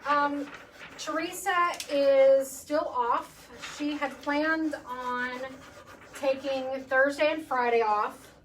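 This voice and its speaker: A woman's voice: high-pitched, steady tone, slow pace. A woman hosting a live furniture painting demo, chatting casually and reading viewer comments aloud. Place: paint room. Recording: distant mic with background noise.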